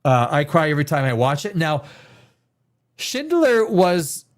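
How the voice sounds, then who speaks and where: A Canadian man chats casually about movies on a stream, opinionated and insistent, using repetition to drive points home. He sounds very animated, his voice on the high side, and talks a little slowly.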